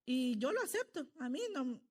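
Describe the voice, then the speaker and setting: A woman's voice: high-pitched, sing-song, moderate pace, darkish tone, husky. A middle-aged woman from El Salvador, preaching a sermon in an earnest, conversational way and often checking in with her listeners. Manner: earnest, conversational, often adds tag questions.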